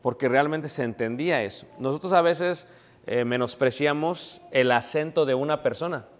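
Preacher with long hall reverb. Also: male voice, medium pitch, moderate pace. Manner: asks the congregation rhetorical questions and answers them; keeps calling his listeners brothers. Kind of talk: sermon. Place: church.

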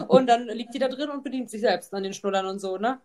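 A young woman, a mother, telling a long story in a casual podcast chat, tagging her sentences with a quick "ne?". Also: fairly high pitch, darkish tone. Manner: chatty storytelling, constant tag "ne?". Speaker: podcast host, mother of two.

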